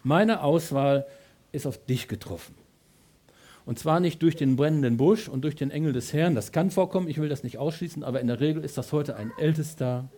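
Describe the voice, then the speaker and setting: A middle-aged man preaching a sermon with a lively, colloquial delivery that swings between loud and soft. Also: on the high side, quick pace, few pauses.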